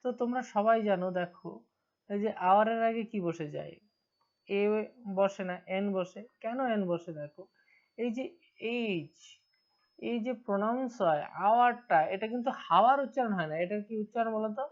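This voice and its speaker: A woman's voice: medium pitch, moderate pace. A woman with a Bengali accent teaching English grammar in an online lesson, asking her students questions and answering them herself. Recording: dull lo-fi recording.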